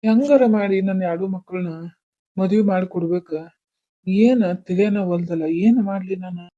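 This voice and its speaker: A woman's voice: medium pitch, normal speed, warm tone, no room sound, close to an everyday voice. A woman playing a worried, poor aging farmer father who laments with a North Karnataka Kannada accent, in a village family skit. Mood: despairing. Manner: lamenting, weary pleading. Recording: dull lo-fi dry recording.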